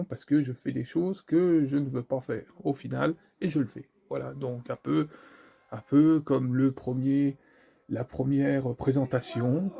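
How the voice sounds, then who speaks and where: At home, a man with a medium-pitched, creaky, mellow voice shows off a collectible figure in a casual unboxing chat. He rambles, mocks himself and repeats his words, while family can be heard in the background.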